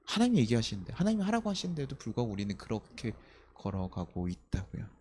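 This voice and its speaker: Man preaching with lively rhetorical questions. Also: medium pitch, quick pace, slight background noise. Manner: animated, many rhetorical questions, acts out quoted speech. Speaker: pastor. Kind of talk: sermon. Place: church sanctuary.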